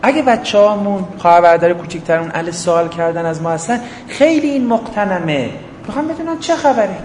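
High-pitched guy preaching, lots of "why?" questions, acts out little scenes, boomy hall with long echo. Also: animated, darkish tone, slight background noise. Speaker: religious lecturer. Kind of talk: religious lecture. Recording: echoey hall, faint ambience.

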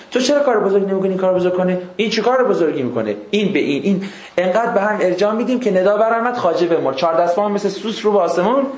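A man's voice: sits high, darkish tone. A man giving an informal religious lecture, conversational, with rhetorical questions and jokey anecdotes. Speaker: religious speaker. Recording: echoey room.

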